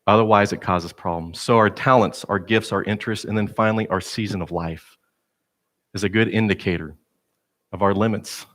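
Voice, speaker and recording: A male pastor delivers a relaxed sermon in a church sanctuary. His voice sits a little low, and he talks like he's chatting with friends, poking fun at himself as he goes. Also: normal speed. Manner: conversational, self-deprecating storytelling.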